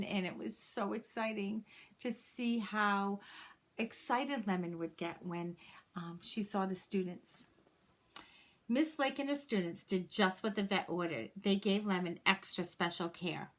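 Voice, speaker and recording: A woman reads aloud from a children's picture book as a teacher might, in a mid-range voice. The reading is deliberate and full of expression, with asides addressed personally to young listeners.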